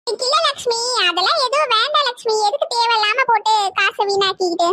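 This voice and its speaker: A woman's voice: very high voice, brisk, sharp tone, no room sound. Woman voicing politely protesting cartoon auntie.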